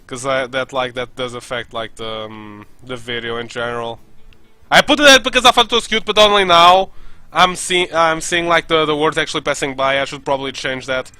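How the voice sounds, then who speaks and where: A man's voice: medium pitch, brisk, sharp tone, clear, resonant tone, dry recording, rough recording. A young man chatting casually on his stream like a podcast host, rambling with lots of fillers and restarts.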